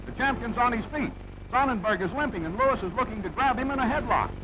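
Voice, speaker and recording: A man with a very high, animated voice talks fast, delivering punchy present-tense play-by-play sports commentary in the manner of an old newsreel. The sound comes from a dull, very noisy old film soundtrack.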